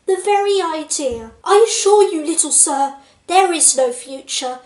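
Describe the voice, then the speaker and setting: A woman's voice: high-pitched, lively intonation, unhurried, darkish tone. A woman voicing a sinister, smug boy who speaks in a mocking way, in an echoey room.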